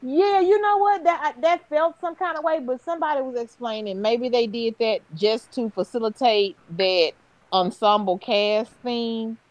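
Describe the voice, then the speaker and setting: A woman hosting a casual fan chat, animated and acting out quotes from the show. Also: on the high side, unhurried, dry recording, low-quality recording. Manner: animated, acts out characters in quotes.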